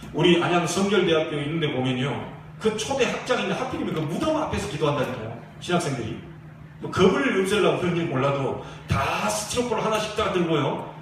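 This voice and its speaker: A pastor in his forties from the Jeolla region, preaching an emphatic, exhorting sermon at a church service. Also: high voice. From Jeolla region, South Korea. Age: 40s. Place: church sanctuary. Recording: echoey church hall, distant mic, faint hiss.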